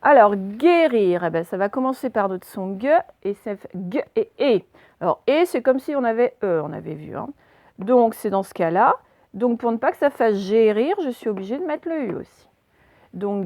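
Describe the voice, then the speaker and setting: A woman's voice: medium pitch, darkish tone. A woman teacher giving a spelling dictation to young pupils, carefully sounding out each letter and syllable. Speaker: primary school teacher. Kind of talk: dictation lesson for children.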